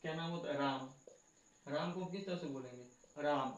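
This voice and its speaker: A man's voice: fairly high pitch, fast talker. A man teaching a grammar lesson, asking the class questions and answering them himself, going back over each point. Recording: echoey room, dull lo-fi sound.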